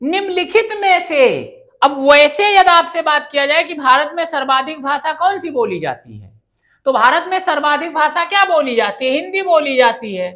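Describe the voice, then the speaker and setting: A woman's voice: high voice, lively intonation, normal speed, a bit bright. A woman teaching an exam-prep grammar lesson who keeps asking the class questions and answering them herself.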